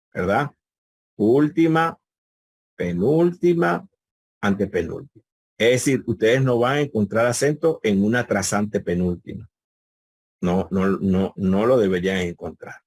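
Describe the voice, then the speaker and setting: A male teacher gives a live class over a video call in a low, slightly husky voice. He repeats key words patiently and throws questions to his students. The sound is dry and close. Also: a little mellow, dry recording. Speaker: Greek teacher.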